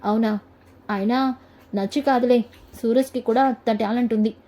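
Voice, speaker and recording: A woman's voice: a little high, steady tone, normal speed, warm tone, natural voice. Woman reading a confident, teasing young man. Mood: explaining.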